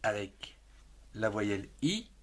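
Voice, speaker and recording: A man with a husky, slightly breathy voice leads a handwriting lesson at a very slow pace. He spells out each letter and then says the syllable, pausing carefully between them. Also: on the low side, very animated. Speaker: handwriting teacher.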